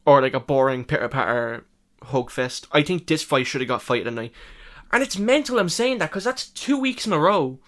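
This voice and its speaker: A young man with a slight lisp, giving rambling, animated fight reaction commentary with casual swearing. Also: a little high, fairly quick. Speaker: MMA reaction youtuber.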